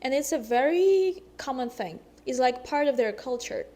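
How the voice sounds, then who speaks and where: A young woman talks casually to her camera in a vlog, in a fairly high voice. She chats openly and often stops to hunt for words, filling the pauses with ums. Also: expressive, dark tone. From Russia. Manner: chatty, with frequent hesitations and ums. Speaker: vlogger.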